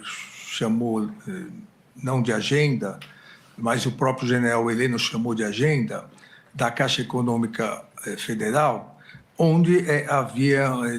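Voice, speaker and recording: A Brazilian judge poses formal questions to a defendant in a mid-pitched male voice. He halts constantly and fills the gaps with hesitations as he builds each question. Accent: Brazilian Portuguese. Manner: halting, full of filler hesitations.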